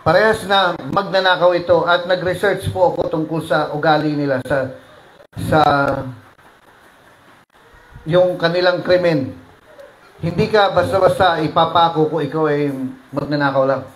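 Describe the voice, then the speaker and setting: A pastor preaching a sermon, mixing English phrases into his talk, with sudden loud rises and soft drops. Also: a little high, steady tone, normal speed, pauses often, echoey room, a little hiss or hum, rough recording.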